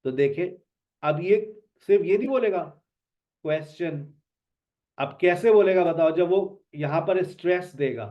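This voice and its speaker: Higher-voiced teacher man, dull audio. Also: measured pace. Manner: drills words by repeating them with emphasis. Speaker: English teacher. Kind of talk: online spoken English lesson. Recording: dull lo-fi sound.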